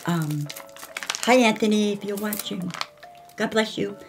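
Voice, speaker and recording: A woman's voice: medium pitch, measured pace, vocal fry, music in the background. An older woman with a grandmotherly old woman's voice, chatting casually and unscripted as she gives her reactions. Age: older, 60s or over. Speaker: reaction video co-host. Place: small indoor room, seated.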